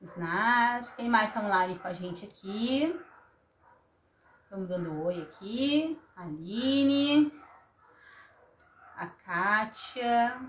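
Craft host, woman in her thirties, animated intonation, casual live delivery, echoey room. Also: fairly high pitch. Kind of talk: casual live craft demonstration with chat greetings. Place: small indoor craft room at a table. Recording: roomy echo, some background noise, clicks.

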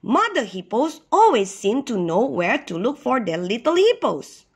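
A woman's voice: sing-song, measured pace, slightly rough, heavily acted. A woman voicing a group of small, eager hippo children who call out for their missing friend. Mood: hopeful. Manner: high, calling out.

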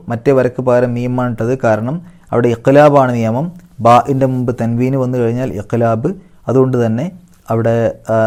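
A man teaching Quran recitation rules, chanting short phrases slowly and higher before explaining each in a lower, softer voice.

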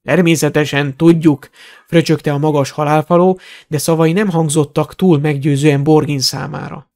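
A man with a fairly high voice narrates a fantasy audiobook. His reading is dramatic and steady, with a clear storytelling cadence. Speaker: audiobook reader.

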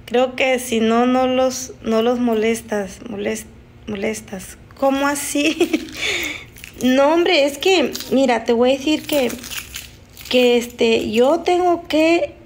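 Woman streamer retelling a scare, slightly high voice, halting and emotional, restarts mid-sentence. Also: a little mellow, slight background noise. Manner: halting, emotional, with frequent restarts and nervous laughs. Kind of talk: casual spoken storytelling.

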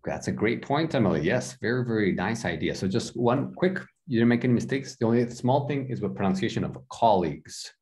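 A man with an American accent teaching an online English class on a video call, gently correcting students and repeating phrases. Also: mid-range voice, animated, brisk, few pauses.

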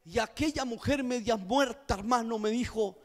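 A male pastor giving a fervent preaching testimony, rising into shouted, half-sung climaxes and acting out the people in his story. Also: very high-pitched, moderate pace.

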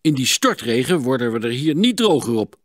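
A man reading an audiobook, voicing a calm, practical middle-aged village blacksmith. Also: mid-range voice, fairly quick, dry recording, studio quality. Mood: urging. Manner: calm, plain-spoken, urging. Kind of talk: audiobook character voice.

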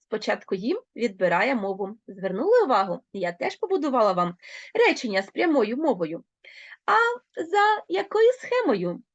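A woman teacher with a Ukrainian accent explains a grammar lesson, speaking clearly and addressing her pupils directly. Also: a little high, no echo, dull audio. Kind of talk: recorded online lesson.

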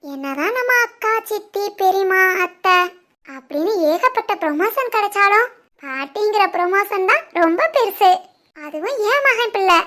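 A woman voicing a fussy, doting middle-aged village mother in an animated family story, with a southern Tamil Nadu accent. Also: very high-pitched, moderate pace, heavily acted. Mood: joyful. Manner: bossy, chatty.

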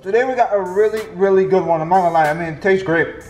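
A man's voice: high voice, quick pace. A man in his thirties with a stuffy, nasal voice, like after a nose injury, chatting casually to viewers as host of a pack-opening vlog. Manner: chatty, addresses viewers as guys, repeats phrases. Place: home kitchen indoors. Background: background music.

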